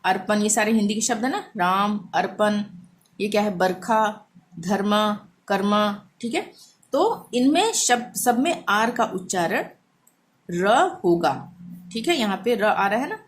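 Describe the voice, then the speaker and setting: A woman teaching a language lesson, explaining pronunciation rules patiently and repeating each example slowly. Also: medium pitch, expressive, slight background noise.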